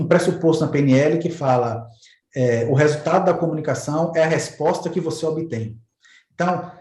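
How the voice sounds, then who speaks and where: A man explains ideas in relaxed, everyday talk and illustrates them with small stories. He often repeats a word while he looks for the next one. His voice sits a little high, and the recording sounds roomy and echoey. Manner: conversational, repeats words while searching. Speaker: host explaining neuro-linguistic programming. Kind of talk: casual explanatory talk with examples.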